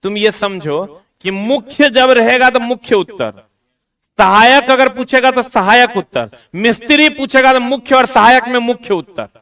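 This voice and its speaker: A man's voice: very high-pitched, animated, moderate pace, bright, forceful tone. A man teaching an exam-coaching class in a classroom, teasing and scolding his students in slangy talk. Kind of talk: classroom lecture. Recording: voice from a distance.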